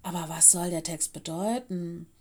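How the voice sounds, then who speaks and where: A woman's voice: lowish voice, normal speed, dark tone, lightly acted. A woman voicing a small, nimble young girl animal with claws in a storybook reading, cheerful and breezy. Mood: matter-of-fact.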